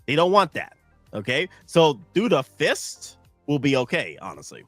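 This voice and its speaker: A man's voice: on the high side, wildly swooping pitch, normal speed, a bit bright, dry recording, soft background music. A man in his thirties with a Southern American accent, chatting loosely on a live stream, tired and rambling with restarts and asides to his viewers. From United States. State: tired, sleep-deprived. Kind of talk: casual live-stream chat.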